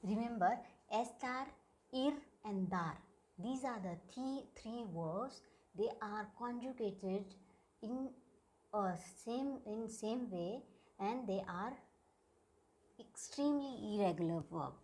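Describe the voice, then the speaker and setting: Woman teacher going thru grammar on a board, slow, kinda husky, says key words twice. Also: a little high, darkish tone. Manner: slow, repeats words for emphasis. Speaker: Spanish teacher. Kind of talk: whiteboard grammar lesson.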